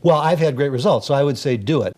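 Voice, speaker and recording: A man's voice: on the high side, expressive, fast, darkish tone. A man giving a plain-spoken, conversational testimonial as an interview guest. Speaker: testimonial guest, sports publisher.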